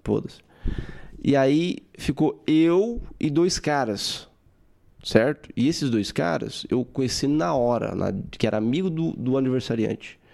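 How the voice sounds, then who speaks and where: Young guy rambling thru a story on his podcast, kinda gravelly and low-toned, acts out what people said. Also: measured pace. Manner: animated, swearing, acts out his own quotes. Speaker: podcast host. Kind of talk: casual storytelling monologue.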